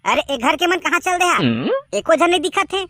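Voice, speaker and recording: A woman's voice: extremely high pitch, expressive, brisk, pushed and bright, no room sound, clean studio sound, full character voice. A woman with a Chhattisgarhi accent voicing cheeky village boys in a comedy cartoon. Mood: eager. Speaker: voice actor. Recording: noisy background hiss.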